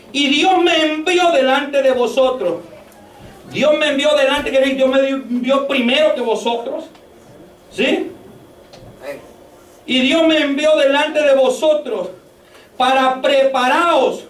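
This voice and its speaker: Fervent high-voiced male preacher. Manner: fervent preaching, often shouting. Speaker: pastor. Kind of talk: sermon. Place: church. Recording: echoey church from far off, faint noise.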